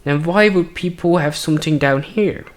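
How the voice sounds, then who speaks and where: A man's voice: a little high, normal speed, lightly acted. A man voicing a wary male guide who shares rumors with the party, talking in a hesitant, sarcastic way full of fillers.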